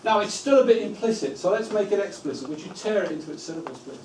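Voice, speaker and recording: A man training teaching assistants in a school room. He gives steady instructions and stretches words out syllable by syllable. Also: sits high, fast. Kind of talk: training workshop talk. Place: school room with a live audience. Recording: echoey room from far off, noisy.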